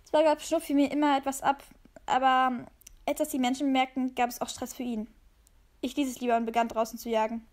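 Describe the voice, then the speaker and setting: Woman reading a fanfic out loud, high voice, lots of expression. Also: fairly quick. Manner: expressive first-person storytelling. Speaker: story reader. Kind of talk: reading a fan story aloud.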